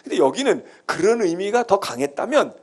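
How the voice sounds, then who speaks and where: A man's voice: sits high, very animated, normal speed. A male senior pastor giving a sermon-style Bible lecture in a church, conversational and emphatic, repeating his key phrases.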